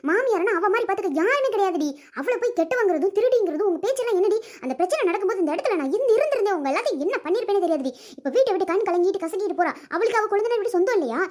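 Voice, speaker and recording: A fiery older village mother-in-law from a cartoon, voiced by a woman, scolding in a rapid-fire stream at a squeaky, very high pitch. She talks fast and sharp-tongued, hardly pausing between lines. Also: expressive. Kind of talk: Tamil village cartoon voice acting.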